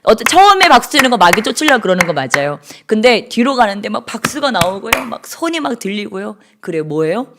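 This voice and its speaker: A woman pastor preaching a sermon in church, moving from hushed, slow phrases to loud, rising cries of praise. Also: medium pitch, big pitch swings, noisy background. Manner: swings from hushed to shouting praise.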